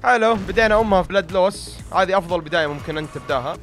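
A man's voice: high-pitched, very fast, fairly bright tone, faint music behind. A young man with a Gulf Arabic accent giving casual gameplay commentary, grumbling and joking at himself, his voice tired and strained. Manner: grumbling, self-mocking, talks straight to viewers. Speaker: gaming YouTuber.

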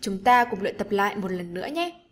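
A woman teacher narrating an online lesson for children, gentle and encouraging as she speaks to the pupils. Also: medium pitch, lively intonation, a little fast.

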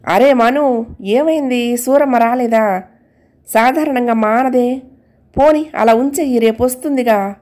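A woman voicing a calm, patient middle-aged husband who speaks gently. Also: fairly high pitch, measured pace, long pauses, close to an everyday voice. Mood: soothing. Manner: gentle, soothing.

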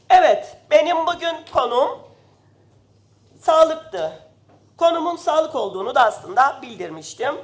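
A woman speaks into a rostrum microphone in a parliament chamber. Her voice sits fairly high and swings widely in pitch as she presses her points. The delivery is impassioned and indignant, rising to loud emphasis, and she is slightly ill. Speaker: member of parliament. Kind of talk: parliamentary speech.

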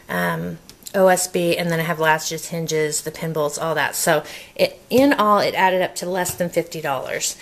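A woman talking casually and instructionally as a DIY video host, recorded indoors. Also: on the low side. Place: indoors at a wooden table.

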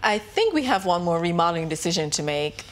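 A woman's voice: lowish voice, big pitch swings, a little fast. A woman in her forties playing a homeowner in a scripted living room chat, friendly and plain. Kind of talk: scripted conversation.

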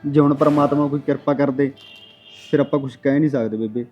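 A man's voice: medium pitch, steady tone, fast, darkish tone, muffled recording, soft background music, close to an everyday voice. An actor playing a worried young husband who earnestly reassures an older woman. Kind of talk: village drama acting.

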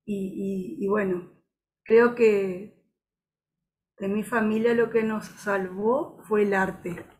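A woman on a video call giving a slow, reflective personal testimony, halting often and restarting her sentences. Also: medium pitch, steady tone, a little mellow. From Paraguay border region. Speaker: audience member.

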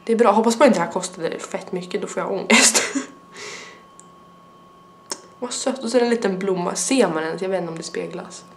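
A woman's voice: mid-range voice, long pauses, slight background noise. A young adult woman with a stuffy nose, rambling in a casual vlog chat with lots of fillers. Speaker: vlogger.

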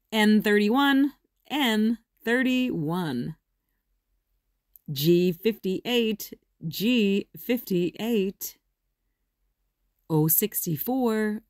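A woman working as a bingo caller, announcing in short, measured, deliberate calls and repeating each one. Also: mid-range voice, a little mellow, dry recording, studio quality. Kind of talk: bingo calling, each number announced twice.

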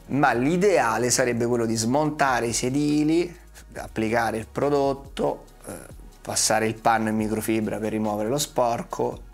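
A man in his thirties gives casual instructional commentary in colloquial speech, talking straight to the viewer with rhetorical questions. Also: mid-range voice. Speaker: car detailing presenter. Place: small padded studio, seated at a desk. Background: music.

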